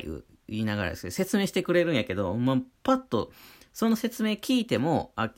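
A man with a Kansai accent talking casually on his own show, rambling along with many fillers. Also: on the low side. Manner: chatty, rambling, full of fillers. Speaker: artist hosting his own talk channel. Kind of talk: casual solo monologue.

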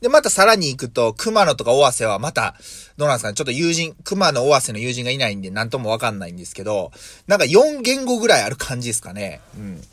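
A man's voice: mid-range voice, sing-song, fast talker, a bit bright, dry recording. A man in his thirties from Mie, Japan, hosting a casual solo podcast as a vegetable farmer, thinking aloud with many fillers and self-corrections. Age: 30s.

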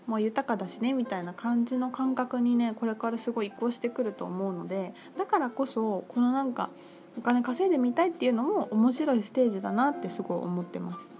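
A woman talking casually on her own about her crystal shop, chatty and full of fillers, lively when she quotes others. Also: a little high. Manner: chatty, filler-heavy, animated quoting. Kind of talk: casual solo talk. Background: music.

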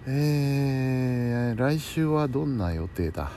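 The host of a bedtime talk show speaks slowly in a mellow, medium-pitched, expressive voice, chatting casually on his own. His musing is polite and conversational, over faint background noise.

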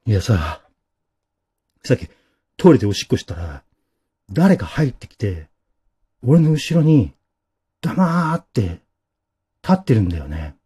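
A spooked young man tells of his scare in a hushed, uneasy voice, as a male storyteller puts him on. The tone is mellow and slightly husky, with pitch that rises and falls freely. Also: sing-song, unhurried, long pauses, full character voice.

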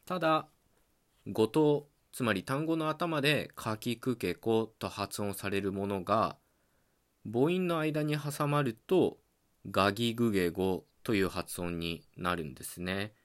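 A man hosting a podcast, explaining language points in a calm, patient, teacherly solo talk, often pausing on a filler between ideas. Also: fairly low pitch. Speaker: podcast host.

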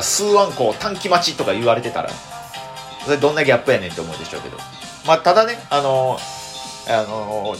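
A young man with a Kansai accent, a comedian telling a casual solo story full of fillers. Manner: lively storytelling with many fillers and animated pitch swings. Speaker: comedian hosting a solo radio talk.

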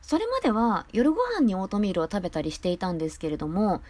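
A woman voice creator hosting a chatty, high-energy solo talk show. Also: big pitch swings, fast, a little mellow. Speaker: podcast host and voice creator.

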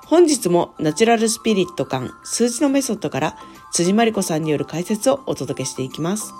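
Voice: medium pitch, very animated, fairly quick, darkish tone, faint music behind. A spiritual podcast host talking casually in a playful, upbeat way, now and then chanting cheerful refrains.

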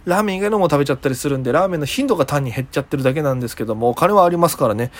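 A man's voice: on the high side, lively intonation, very fast. A young man, a comedian, chatting alone on his podcast in a rambling, self-amused way. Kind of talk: casual solo podcast monologue.

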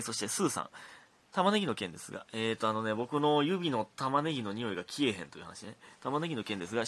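A man in his thirties with a Kansai accent and a slightly hoarse throat, chatting casually alone as a podcast host reading listener letters, laughing often and dropping to mutters. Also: on the low side, a bit bright. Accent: Kansai Japanese. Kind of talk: casual solo chat.

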